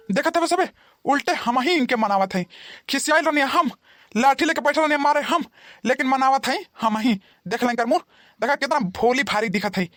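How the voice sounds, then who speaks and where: A woman's voice: on the high side, a bit bright, dry recording, lightly acted. A woman voicing a stammering cartoon husband with a Bhojpuri accent. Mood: coaxing. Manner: coaxing, stammering excuses. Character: aging husband, pleading and wheedling. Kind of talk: cartoon voice acting.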